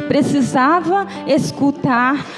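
A young woman with a Northeastern Brazilian accent, preaching at a small church's prayer group and reading scripture in a slow, gentle, inviting way. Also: high voice, over music. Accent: Brazilian Portuguese, Northeastern. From Bahia, Brazil. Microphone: mic on a stand at the lectern. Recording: reverberant church hall.

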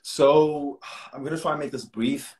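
A young Zimbabwean actor, guesting on a video call from a small room at home, speaks unhurriedly in a slightly high, steady, somewhat mellow voice, with an echoey room sound. The interview is casual, and he talks earnestly and chattily, laughing often.

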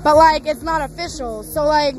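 High-voiced young woman, chatty street answer. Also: normal speed, darkish tone, soft background music. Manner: candid, chatty. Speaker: interviewee. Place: city street at night, outdoors. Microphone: handheld mic.

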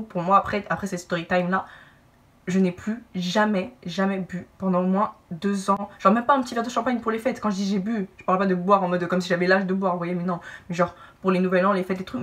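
A young woman telling a personal story to camera in a casual, animated way, acting out what others said. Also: mid-range voice, recorded from a distance. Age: young adult. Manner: animated, lively asides and acted-out quotes. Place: indoor room, brick wall behind.

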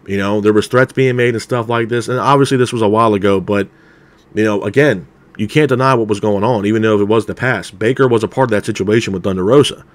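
A man's voice: on the low side, steady tone, fast, no room sound. A man giving a casual spoken review of a wrestling show, candid and opinionated, padding his talk with "you know" and "man". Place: unseen, voice over a title card.

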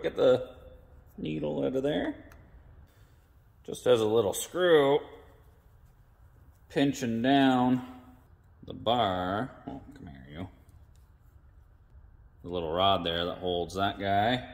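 Vocal fry colors this man's medium-pitched voice as he chats through rebuilding a carburetor at his garage bench. It's easygoing, hands-on narration full of folksy slang, with a long reverb tail in the recording.

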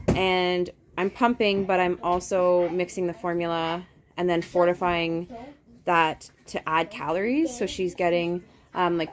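A woman's voice: on the low side, a little hiss or hum. Chatty mother rambling through a haul. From Canada. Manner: chatty, rambling with many ums, asides to kids. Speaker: vlogger. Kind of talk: casual grocery haul vlog. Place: home kitchen indoors. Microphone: phone camera held close.

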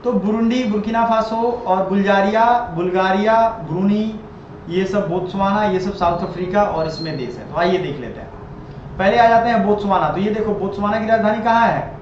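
A man's voice: high voice, moderate pace, a little mellow, slight background noise. A man teaching an exam-prep lesson over a map, repeating each item and quizzing the viewer as he goes. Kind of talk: classroom-style lecture over a map. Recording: very echoey, dull lo-fi room sound.

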